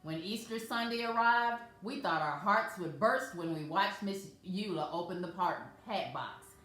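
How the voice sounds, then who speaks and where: A woman reads a children's picture book aloud, gentle and measured. Her mid-pitched voice rings out in a very echoey room. Faint music plays behind her. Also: expressive. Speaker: children's storyteller.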